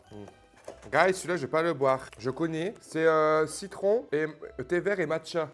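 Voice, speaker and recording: A man chatting casually to his viewers in a joking, playful way while unboxing gifts. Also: medium pitch. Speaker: youtuber opening advent calendars. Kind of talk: casual vlog chat to viewers.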